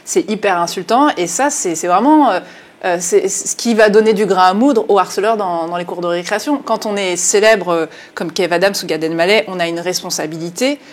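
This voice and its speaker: A woman journalist and author speaking as a guest in a studio interview, earnest and often halting, with frequent fillers and restarts. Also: on the low side.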